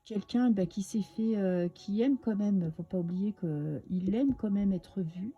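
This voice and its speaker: A woman's voice: medium pitch, measured pace, breathy edge, lo-fi sound, faint music behind. A woman with a French accent giving a casual, chatty tarot reading to her viewers, with many fillers and restarts. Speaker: tarot reader.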